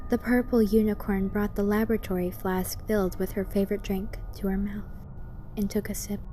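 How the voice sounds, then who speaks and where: A woman's voice: medium pitch, flat delivery, brisk, mellow, slight background noise. A woman reading scripted horror fan fiction as a story narrator.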